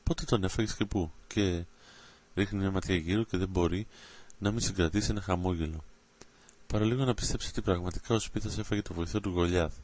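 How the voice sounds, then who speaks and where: Deep-voiced man reading a story. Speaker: narrator. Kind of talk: reading a children's adventure story aloud.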